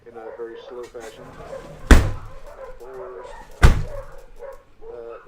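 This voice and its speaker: A man taking his turns in a tabletop game, chatting freely and laughing easily as he thinks out loud. His voice sits in a middle range. Loud noise runs under the recording. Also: mid-range voice, monotone, takes it slowly. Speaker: player. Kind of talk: casual table chat during a game.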